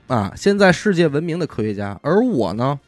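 In a dry recording with soft music in the background, a man with a fairly high voice speaks at a moderate pace. Hosting a podcast, he retells a story chattily and with liveliness, laughing and often interjecting "ai."

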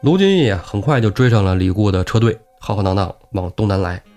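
A man co-hosting a podcast, retelling a classic novel in a lively, colloquial way. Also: fairly low pitch, quick pace, faint music behind. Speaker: podcast co-host.

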